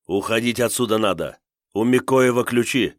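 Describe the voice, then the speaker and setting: A man's voice: medium pitch, moderate pace, no echo, studio quality, voice pushed up, natural voice. A man voicing an anxious young male prisoner who calls out urgently.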